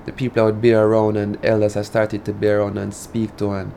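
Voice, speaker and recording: Fairly low, gravelly, and warm, this man's voice is monotone and quick. He's a Patois-speaking artist from rural Saint Elizabeth, Jamaica, with a rural drawl, chatting casually in an interview over slight background noise.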